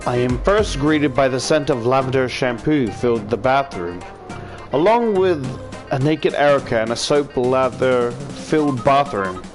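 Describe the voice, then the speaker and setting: Reading a visual novel's text aloud, this Australian streamer offers sweary, informal commentary throughout his let's-play. His mid-range voice is animated and measured in pace, with music behind it.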